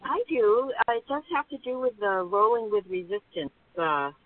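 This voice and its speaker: A woman's voice: medium pitch, lively intonation, normal speed, dry recording. A woman from western Massachusetts calling into a group call on speakerphone from her car, chatting eagerly. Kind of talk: casual chat. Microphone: phone on speaker in a parked car. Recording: narrow tinny phone line.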